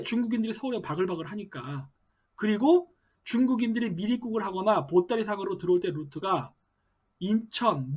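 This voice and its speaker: A man's voice: high voice, husky. A man in his forties giving a political commentary monologue, emphatic and full of rhetorical questions.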